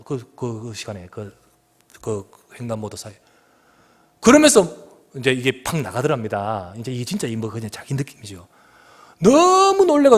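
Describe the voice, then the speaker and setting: A male pastor delivers a sermon in his church, his pitch leaping and falling in a lively sweep. He tells a story, surging loud for emphasis, then sinking to a near hush. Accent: Korean. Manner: storytelling with sudden loud emphatic rises and hushed drops. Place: church sanctuary.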